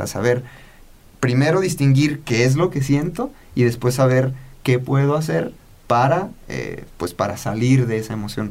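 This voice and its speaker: A man's voice: mid-range voice, a little mellow. A man hosting a casual podcast conversation, now and then acting out parents and children in quoted lines. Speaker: podcast host.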